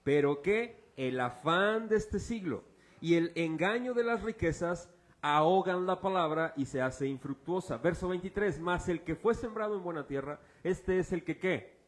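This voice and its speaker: Here a pastor delivers his sermon in a high voice with lively intonation at a normal pace. Joking and informal, he tests the congregation with fill-in-the-blank questions and illustrates points with objects.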